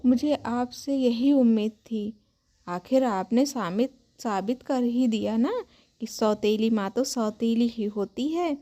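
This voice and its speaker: A woman's voice: a little high, slow pace, warm tone. A woman voicing a bitter, accusing young adult son in a narrated family story. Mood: hurt, angry.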